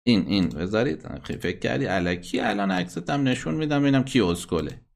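A man's voice: on the low side, expressive, vocal fry. Blunt, combative male broadcast host. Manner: blunt and combative, scolding and insulting critics. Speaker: host of a satellite call-in program. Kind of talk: live broadcast hosting, playing listener messages.

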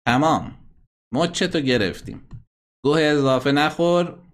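A man's voice: on the high side, expressive. A man hosting a satellite call-in program, playing listener messages and bluntly scolding and insulting critics.

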